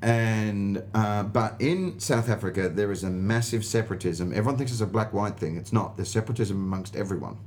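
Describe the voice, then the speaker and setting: This interviewed Australian stand-up comic talks a little fast with few pauses, in a lowish and slightly mellow voice. His casual storytelling is emphatic and full of swearing, and he acts out what people said.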